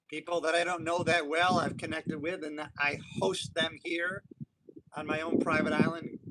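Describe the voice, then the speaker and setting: A man's voice: a little high, heavy background noise. Upbeat man in his sixties, motivational. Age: 60s. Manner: upbeat, motivational, rambling with restarts. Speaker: live-streamer. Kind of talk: casual live-stream monologue. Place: outdoors on an island. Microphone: phone or camera for a live stream.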